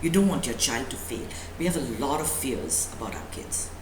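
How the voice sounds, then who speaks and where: Speaking at normal speed in a rumbling low, sing-song voice, a woman acting as a spiritual teacher delivers a forceful motivational talk packed with repetition and rhetorical questions. It was recorded live indoors, in an echoey room with faint background noise.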